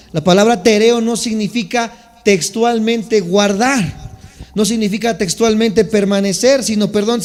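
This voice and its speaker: A man's voice: sits high, darkish tone, big-room sound. A man preaching a sermon as a pastor, explaining Bible words and calling on the congregation to respond. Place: church sanctuary.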